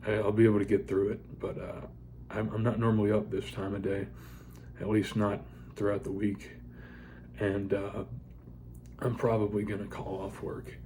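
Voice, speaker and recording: An American man in a casual, confessional vlog, talking haltingly and in a subdued way with a dental retainer in his mouth. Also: on the low side, little pitch movement, dark tone, a little hiss or hum. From United States. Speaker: vlogger.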